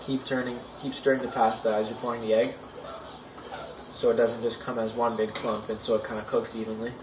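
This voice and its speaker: A man's voice: mid-range voice, flat delivery, brisk. Young man, casual cooking host, wry asides, echoey kitchen, distant camera mic, noisy pots and cutlery. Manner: offhand, chatty, wry asides. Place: home kitchen. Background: clattering pots and cutlery.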